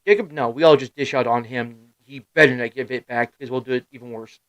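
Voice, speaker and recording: A man in his thirties hosting a live stream, rambling through casual stories in a middle-pitched voice. He swears freely, laughs at himself and breaks into loud bursts. The sound is dry and close, with no room around it. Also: fairly even intonation, fast, dry recording, rough recording. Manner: rambling storyteller with sudden loud outbursts. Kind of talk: casual chat.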